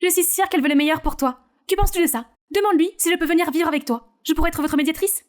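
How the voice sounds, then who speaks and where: An eager, bubbly younger sister in an animated story, gushing and pushing for what she wants, voiced by a woman narrator. Her voice is very high and quick. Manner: excited and pushy.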